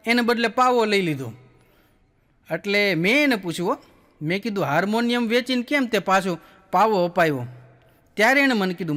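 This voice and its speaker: A Kathiawadi Gujarati comedian tells his jokes in a folksy storytelling way, acting out each person in his stories. His voice sits high for a man. A long hall reverb trails after his words. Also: a bit bright. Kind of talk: stand-up joke telling.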